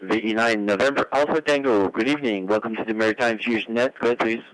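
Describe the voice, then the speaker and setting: A man's voice: on the low side, fairly even intonation, quick pace, no room sound, poor audio. A courteous man acting as net control on an amateur radio check-in net, spelling callsigns phonetically over the radio. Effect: amateur radio transmission. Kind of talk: formal radio check-in procedure, friendly acknowledgements.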